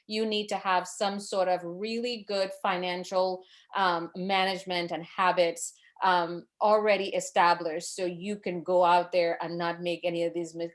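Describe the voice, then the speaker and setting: Over a video call, a forty-something woman from Trinidad earnestly advises her audience in a financial education webinar. She has a mid-range voice and uses fillers, sometimes correcting herself.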